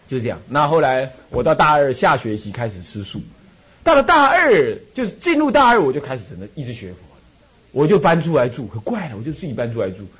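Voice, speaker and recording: A man's voice: on the high side, breathy edge. A Buddhist monk and temple abbot with a Taiwanese Mandarin accent, giving a dharma talk full of personal stories, repeating phrases and chuckling as he tells them.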